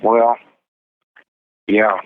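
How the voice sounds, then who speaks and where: A man's voice: lowish voice, flat delivery. A terse man on a tinny prison phone. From Missouri. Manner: terse, halting short answers. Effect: prison phone line. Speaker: prison inmate interviewee. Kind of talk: phone interview.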